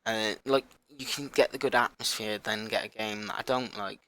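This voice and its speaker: A man with a sore throat hosting a gaming channel, rambling and apologetic as he haltingly reads a list in a casual announcement vlog. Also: fairly low pitch, steady tone, pushed and bright.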